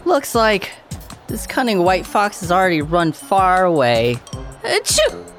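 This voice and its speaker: A woman's voice: fairly low pitch, sing-song, unhurried, faint music behind. A woman voicing an eager male dog police officer who keeps sneezing. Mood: earnest. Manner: sneezing, earnest.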